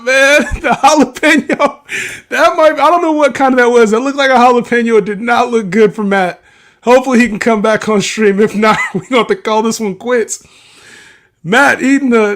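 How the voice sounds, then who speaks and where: This man's voice is extremely high-pitched and fairly bright. He co-hosts a casual sports betting livestream, laughing a lot and teasing his partner.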